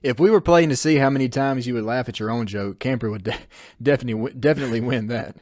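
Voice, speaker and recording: A man's voice: medium pitch, quick pace, a little mellow, dry recording, studio quality. A man co-hosting a podcast, leading rounds of dad jokes in casual chat and laughing often. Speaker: podcast co-host.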